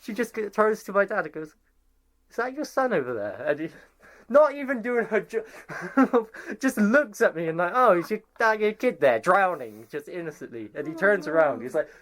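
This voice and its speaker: Animated young man telling stories. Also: high voice, normal speed. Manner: animated storyteller, voices others in quotes, laughs through tales. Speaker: podcast co-host. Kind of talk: casual storytelling chat.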